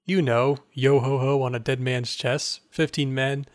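A man's voice: medium pitch, level tone, measured pace, no echo, clean studio sound. A man reading game text aloud as narrator in a casual playthrough, without putting on character voices.

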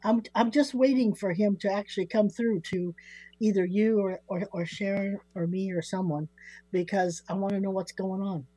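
A woman's voice: medium pitch, steady tone, moderate pace, dark tone, dry recording, low-quality recording. An older woman co-hosting a radio show from home in casual, chatty, playful talk. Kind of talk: casual chat. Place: home studio.

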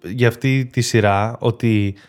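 A man's voice: mid-range voice, fairly even intonation, a little mellow. A young man co-hosting a podcast, chatting casually about films with many fillers and restarts. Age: young adult. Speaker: podcast co-host. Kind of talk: casual film chat.

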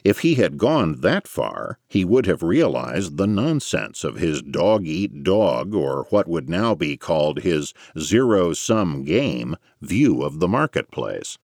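A man's voice: low voice, big pitch swings, takes it slowly, vocal fry, few pauses, a little mellow, no room sound, clean studio sound. A man narrating scripted nonfiction as an audiobook reader, in a formal, scholarly lecturing manner.

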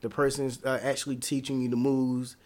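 A man in a casual interview, talking about dance in a relaxed, rambling way full of fillers and slang. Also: medium pitch, fairly quick. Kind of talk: casual conversation.

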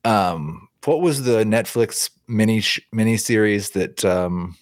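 A man's voice: fairly low pitch, measured pace, no room sound, clean studio sound. A man with an American accent chatting casually as a panelist in a podcast discussion. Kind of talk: casual chat, TV show discussion.

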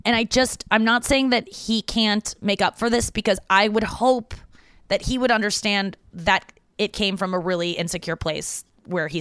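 A woman's voice: mid-range voice, fairly bright tone, clean tone, no room sound. A woman hosting a podcast, chatting frankly with plenty of swearing and reading listener messages aloud. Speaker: podcast host. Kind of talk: casual chat.

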